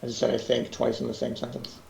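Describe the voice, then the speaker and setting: A man's voice: medium pitch, monotone, fast talker, gravelly, darkish tone, a little hiss or hum. A man playing a tabletop game, with a dry, self-deprecating manner. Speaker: player. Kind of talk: tabletop role-play. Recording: dull, echoey, distant mic.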